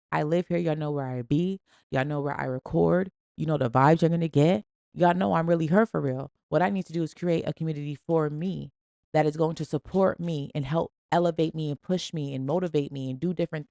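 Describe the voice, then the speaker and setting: Gravelly-voiced woman giving slangy pep talks. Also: low voice, a little mellow, dry recording, studio quality. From Springfield. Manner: emphatic, slangy, preachy pep talk. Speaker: podcast host. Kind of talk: casual motivational monologue.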